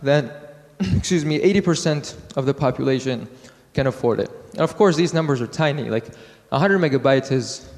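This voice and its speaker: Casting note: mid-pitched man from Iraq, conference speaker, halting delivery, long hall reverb. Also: lively intonation, darkish tone. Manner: halting, many fillers and restarts. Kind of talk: technical conference talk.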